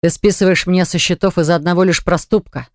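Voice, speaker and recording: A man's voice: sits high, fairly even intonation, quick pace, no echo, clean studio sound. A man reading a pleading jealous ex-fiancé. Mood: insistent. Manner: pleading, earnest, insistent. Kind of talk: audiobook dialogue reading.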